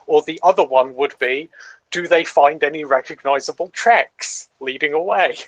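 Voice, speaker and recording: A man's voice: on the high side, moderate pace, no echo, rough recording. A man playing a tabletop game, stammering as he thinks his options through aloud. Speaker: player.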